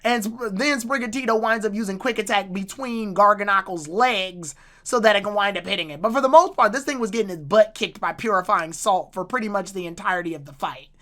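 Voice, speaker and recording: A woman giving a casual, excitable recap and review of anime episodes, breaking into laughter and correcting herself as she goes. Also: medium pitch, a little fast, few pauses. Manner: excitable, laughs out loud, restarts and self-corrects.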